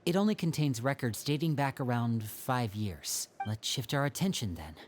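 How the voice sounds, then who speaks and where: An actor playing a composed, loyal young man in a video game, explaining things in a measured, matter-of-fact way. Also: medium pitch, animated, slight background noise, close to an everyday voice.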